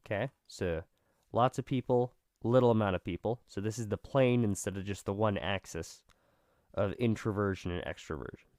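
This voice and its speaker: A man with vocal fry, just over being sick, giving a casual, rambling explanation and often correcting himself. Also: on the low side, normal speed, a little mellow, dry recording, studio quality. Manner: rambling, self-correcting, self-deprecating. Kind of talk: casual, informal explanation at a drawn diagram.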